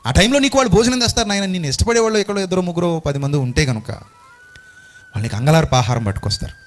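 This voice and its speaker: Impassioned male preacher, very animated. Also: high-pitched, fast, faint music behind. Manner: impassioned, fires rhetorical questions at the congregation. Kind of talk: emotional sermon.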